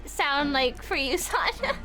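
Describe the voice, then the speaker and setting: A woman streamer reads a visual novel aloud and teases her friends, giggling often. Her voice is very high and her delivery is unhurried. Clear music plays behind her. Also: big pitch swings. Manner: giggly, teasing, drops low for narration. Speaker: streamer and voice actress.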